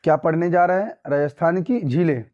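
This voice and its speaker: A young man from Uttar Pradesh, India, teaches an exam-prep lesson, repeating his points and quizzing listeners with tag questions. His voice is fairly high and fairly quick, and the sound quality is lo-fi.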